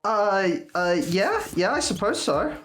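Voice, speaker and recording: A woman playing a tabletop game, speaking hesitantly with halting restarts. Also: mid-range voice, lively intonation. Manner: hesitant, halting, laughs easily. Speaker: player. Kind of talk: casual tabletop play.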